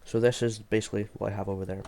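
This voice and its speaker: Talking very fast in a level tone, a man with a fairly low, slightly mellow voice gives an informal gameplay tutorial. He seems unwell and hesitates as he reasons aloud about the build he's showing on video. The recording has clear background noise plus keyboard and mouse clicks.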